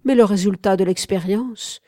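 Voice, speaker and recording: A woman's voice: mid-range voice, moderate pace, no echo, studio quality, lightly acted. Woman voicing a harsh domineering nobleman. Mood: lecturing. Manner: loud, commanding outbursts. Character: domineering middle-aged nobleman, harsh and cynical.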